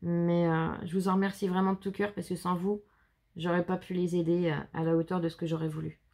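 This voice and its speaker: Woman host, fairly low with some fry, gushing casual card show-and-tell at home. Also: flat delivery, brisk, darkish tone. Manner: chatty, gushing, talks to viewers and helpers. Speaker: scrapbooking channel host.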